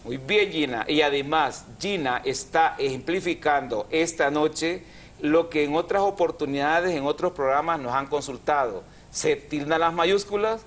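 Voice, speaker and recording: A man's voice: a little high, measured pace. A man hosting a TV language program, explaining grammar patiently and drawing out syllables. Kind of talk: didactic TV chat.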